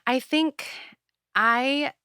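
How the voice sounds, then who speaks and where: A woman's voice: sits high, extremely slow, sharp tone, clear, resonant tone, dry recording, studio quality. A woman in her thirties, a lactation consultant and doula, talking candidly and earnestly in an interview, with many fillers.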